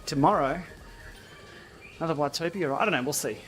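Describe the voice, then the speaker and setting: A man's voice: fairly high pitch, a little fast, a bit bright, soft background music. A man hosting a casual livestream, bantering and thinking aloud as he chats during an indoor cycling game. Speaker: livestream host.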